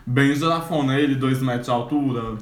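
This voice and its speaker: A man's voice: mid-range voice, fairly quick. A man co-hosting a casual podcast, telling rambling, roundabout stories. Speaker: podcast co-host. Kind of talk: casual chat. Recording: echoey room, faint noise.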